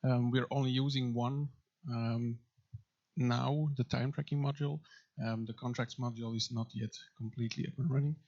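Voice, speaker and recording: A man's voice: medium pitch, fairly even intonation, moderate pace, a little mellow. A man at a conference describing his company's work plainly, with frequent fillers. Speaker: IT services provider, attendee. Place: conference room. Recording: dull lo-fi livestream audio.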